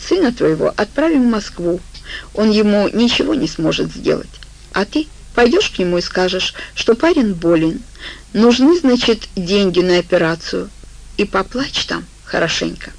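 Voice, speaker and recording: A woman's voice: mid-range voice, lively intonation, moderate pace, vocal fry, rough recording. A woman voicing a cunning, manipulative woman who talks in a soothing, persuasive way. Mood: coaxing.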